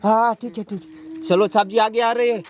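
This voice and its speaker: Village guy in a comedy skit, high voice, quick and blunt, kinda wary. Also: steady tone, slight background noise. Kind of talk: rural comedy sketch acting.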